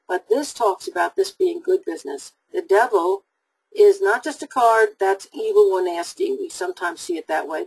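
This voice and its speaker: A woman's voice: medium pitch, gravelly, a little mellow, slightly rough, low-quality recording. A woman hosting a live call-in psychic webinar, giving readings to callers in an upbeat, reassuring way.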